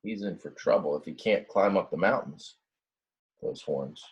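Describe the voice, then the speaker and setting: With the highs cut off, this clip has a low-voiced man reading a children's book expressively at normal speed. He acts like a teacher, breaking in with simple, casual word explanations.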